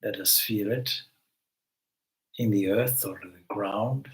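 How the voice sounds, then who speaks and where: A spiritual teacher, a man with a lowish voice, leads a guided meditation, offering gentle instructions with long pauses between phrases. The recording is rough.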